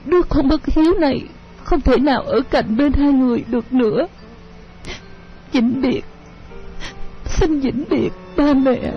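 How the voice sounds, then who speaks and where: Guy putting on a sad soft young woman, high voice, kinda dull lo-fi sound with music under. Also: measured pace, pauses often. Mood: grieving. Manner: soft, tearful pleading. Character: young woman, gentle, sorrowful. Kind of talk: audio story reading.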